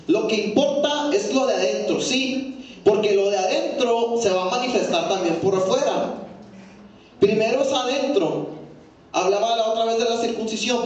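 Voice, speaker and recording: Man, Sunday school teacher, Bible class, high voice, questions to the class, distant mic, very echoey church room. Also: a little mellow. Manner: checks in with listeners with frequent "¿sí?".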